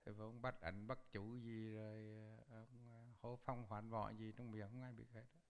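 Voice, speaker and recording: A man's voice: fairly low pitch, moderate pace. A man giving a Buddhist sermon, telling a story and acting out the quoted voices. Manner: animated storyteller, acts out quoted speech. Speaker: Buddhist teacher.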